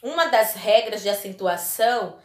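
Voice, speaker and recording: A woman's voice: mid-range voice, lively intonation, moderate pace, reverberant. A woman teaching a primary school lesson to children, speaking in an affectionate, emphatic way and stretching out key words. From Brazil. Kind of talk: recorded classroom lesson for children.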